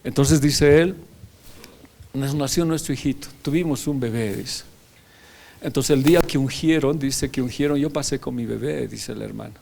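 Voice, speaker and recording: Male pastor with a gravelly voice, animated storytelling sermon that swells to emphatic preaching. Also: medium pitch. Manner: animated storyteller, acts out dialogue, rises to loud emphatic preaching.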